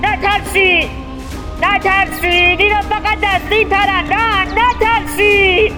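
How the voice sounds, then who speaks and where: A woman voicing a proud, shouting warrior king. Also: a little high, expressive, music in the background, close to an everyday voice. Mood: panicked shouting. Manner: commanding, shouting orders. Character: proud, fierce male army king. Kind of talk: storybook voice acting.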